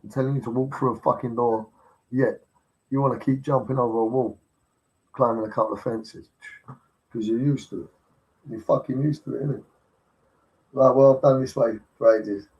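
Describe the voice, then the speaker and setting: A man's voice: medium pitch, darkish tone, slightly rough, muffled recording. Swearing, pushy man on a livestream. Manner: blunt, heavy swearing, pushy and insistent. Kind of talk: casual live-stream rant.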